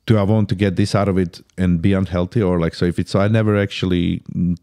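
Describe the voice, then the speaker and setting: A man in his thirties talks in a low, mellow voice as a podcast guest. His delivery is loose and casual, peppered with "bro" and halting restarts. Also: steady tone. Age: 30s. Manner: casual, sprinkles "bro" constantly; halting restarts while thinking.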